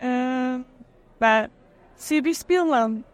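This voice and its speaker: A woman's voice: sits high, drawn-out words. A woman with a Flemish accent, answering casual interview questions hesitantly, full of fillers.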